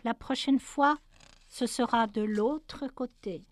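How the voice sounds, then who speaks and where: A woman reading out the soft, murmured farewell of a gentle uncle in prison, from a storybook. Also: very high-pitched, takes it slowly. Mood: tender. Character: gentle imprisoned uncle saying goodbye.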